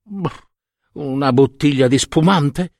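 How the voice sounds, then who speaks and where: A man's voice: fairly high pitch, takes it slowly, darkish tone, no echo, clean studio sound, pitched above the performer's own voice. A man voicing a poor shoemaker's wife in a storybook reading, raising his voice to play a plain, practical woman. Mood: homely, practical.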